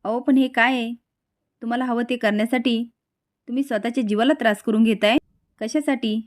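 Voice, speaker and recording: A composed young wife reasons with her relative, firm but polite, as a woman retelling a serial reads her part. The delivery is measured and near the reader's own voice. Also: on the high side, fairly even intonation, dry recording, studio quality, lightly acted.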